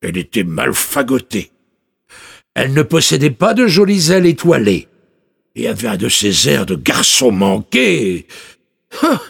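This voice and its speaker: A man narrating a children's story in an expressive way, with incredulous asides. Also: medium pitch, unhurried, vocal fry, husky.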